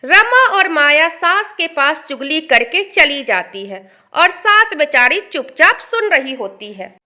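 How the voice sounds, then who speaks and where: A woman narrates a scripted family story in an animated video with a sympathetic tone. Her voice is very high and bright, and she reads slowly.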